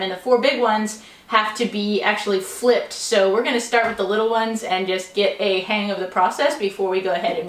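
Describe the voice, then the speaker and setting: Upbeat woman in an echoey room. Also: medium pitch. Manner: upbeat, explains step by step. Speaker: homesteading vlogger. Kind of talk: casual how-to demonstration.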